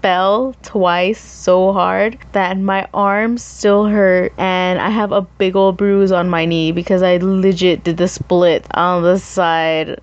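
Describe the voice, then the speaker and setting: A woman's voice: on the low side, fairly even intonation, takes it slowly, few pauses, dry recording. A young woman telling a casual story as a vlogger, chatty and self-mocking, laughing often. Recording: dull lo-fi recording.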